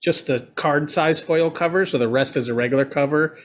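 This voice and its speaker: A man with a nasal voice co-hosting a casual podcast, relaxed and chatty with lots of fillers. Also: fairly high pitch, fairly quick. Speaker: podcast co-host.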